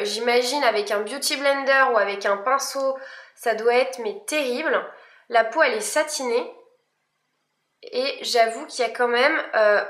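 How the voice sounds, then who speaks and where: Young girl doing a makeup haul, bright higher voice, lots of euh, echoey room. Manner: chatty, many fillers and restarts. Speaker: beauty vlogger. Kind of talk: casual product review.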